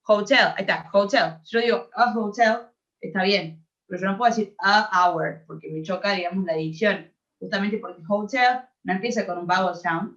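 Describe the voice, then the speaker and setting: A woman's voice: lowish voice, fairly bright tone. Argentine woman tutoring, dull lo-fi audio. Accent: Argentine Spanish. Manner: explains patiently, checks the class follows. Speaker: English tutor. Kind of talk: online class explanation.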